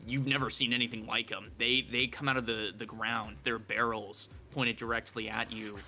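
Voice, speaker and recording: A man narrating as game master of an online tabletop game, slow and halting, with many fillers. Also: medium pitch, little pitch movement, sharp tone, soft background music.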